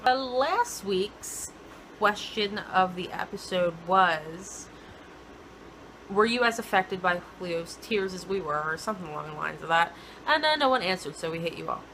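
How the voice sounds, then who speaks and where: A woman's voice: fairly low pitch, animated, moderate pace, a bit bright, a little hiss or hum, rough recording. A woman co-hosting a casual TV recap chat, talking chattily and mimicking characters playfully. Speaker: podcast co-host.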